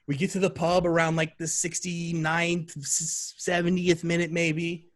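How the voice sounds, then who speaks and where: A man in his thirties telling a story in casual podcast chat, animated and acting out quoted lines in a higher voice. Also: measured pace. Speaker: podcast guest.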